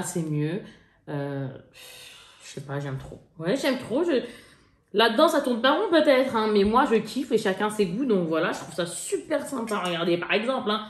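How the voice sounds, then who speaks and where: A young woman in casual chat with her viewers, showing off things she bought. She talks in a slangy, chatty way and laughs often. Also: mid-range voice. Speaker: haul vlogger. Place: indoors at home. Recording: echoey room.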